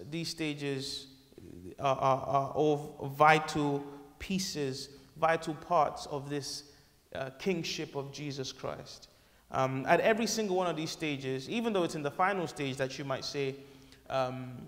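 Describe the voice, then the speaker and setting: A man in his thirties preaching a sermon in a large wood-panelled church, earnest and halting, often restarting and correcting himself, on a lapel mic. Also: medium pitch, in a large hall. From England.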